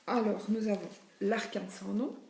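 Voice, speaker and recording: A woman's voice: medium pitch, steady tone, measured pace, gravelly, darkish tone. A woman presenting a tarot deck in casual chat, thinking aloud with many small asides. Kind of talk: casual chat while showing cards. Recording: echoey room with faint noise.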